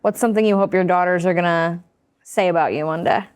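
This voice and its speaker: A woman's voice: on the low side, steady tone, fast talker. A woman co-hosting a podcast interview, asking questions in an upbeat, teasing way. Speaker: podcast co-host. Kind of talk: casual interview chat.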